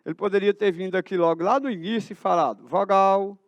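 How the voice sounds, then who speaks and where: A man's voice: sits high, fast, dry recording, highs cut off. A Brazilian man teaching a math class in a school auditorium, asking his students questions and answering them himself. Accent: Brazilian Portuguese.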